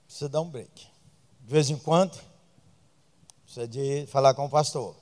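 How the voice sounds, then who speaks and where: A Brazilian man preaching a sermon as pastor, joking with the congregation and breaking into loud outbursts. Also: mid-range voice, moderate pace, long reverb tail.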